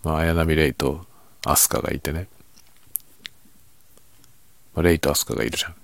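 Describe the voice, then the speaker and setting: A man chatting casually and quietly by himself late at night, musing and giving his opinions in a low-key way with softened sentence endings. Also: moderate pace, gravelly, no room sound. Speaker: writer chatting as host.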